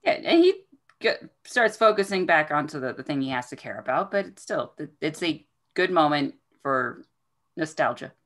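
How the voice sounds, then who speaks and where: A woman's voice: sits low, big pitch swings, moderate pace, fairly bright tone. A woman hosting a casual book discussion, retelling the plot in a conversational way. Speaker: podcast host recapping a fantasy novel.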